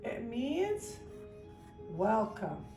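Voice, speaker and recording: An Arabic teacher, a woman, gives a beginner language lesson in a classroom, patiently repeating sounds and offering frequent praise and encouragement. Her high voice swoops wildly in pitch and moves extremely slowly over music. The room is echoey, with a distant mic and faint ambience.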